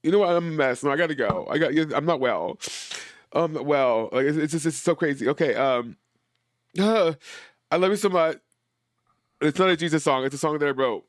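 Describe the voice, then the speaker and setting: A man's voice: on the high side, lively intonation, moderate pace, no echo, studio quality. A man in a casual live-stream chat, rambling and stammering with a lot of emotion.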